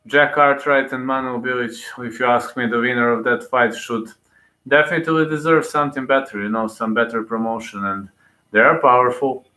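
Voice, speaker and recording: A man's voice: mid-range voice, steady tone, a little fast, bright, forceful tone. Rambling man in a roomy space. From Serbia. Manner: rambling, hesitant, repeats himself. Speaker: fight commentator streaming live. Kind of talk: casual live commentary answering chat.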